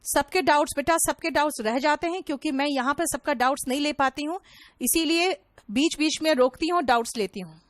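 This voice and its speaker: A woman's voice: sits high, a little fast, no echo. A young woman teaching an online English vocabulary class, explaining in Hindi with English terms and calling her students "beta".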